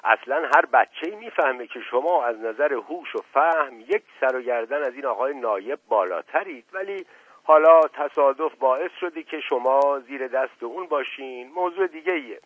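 A sly, charming aristocrat flatters with smooth, teasing liveliness, as a male storyteller plays him. The recording sounds thin and phone-like, and dry. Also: mid-range voice, no room sound. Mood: flattering. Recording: tinny lo-fi dry audio.

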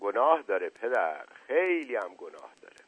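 A soft-hearted village man frets and pleads, as a man acts him out. The recording is thin and phone-like, very dry. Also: lowish voice, very animated, slightly rough, dry recording. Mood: worried.

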